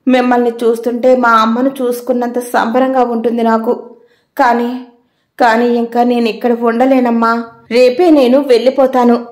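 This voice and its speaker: A woman's voice: on the high side, little pitch movement, moderate pace, roomy sound, close to an everyday voice. A woman voicing a timid, devoted young servant girl who speaks deferentially. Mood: pleading. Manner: pleading, deferential.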